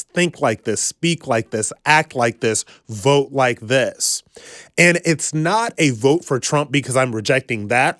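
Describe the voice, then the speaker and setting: A man speaks straight to camera in an emphatic political monologue, hammering his points through repeated phrases. His voice sits in a middle register. The sound is dry and close, with no room echo. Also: medium pitch. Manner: emphatic, repetitive rhetorical delivery. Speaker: political commentator.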